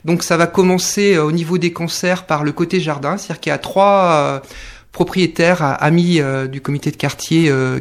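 Hesitant man, slightly high voice. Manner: hesitant, many fillers and restarts. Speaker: guest, neighbourhood committee co-president. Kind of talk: radio interview. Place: radio studio.

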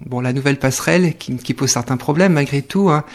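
A man's voice: medium pitch, fast, gravelly. A man, guest in a radio studio interview, talking with many fillers and restarts. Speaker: guest, neighbourhood committee co-president.

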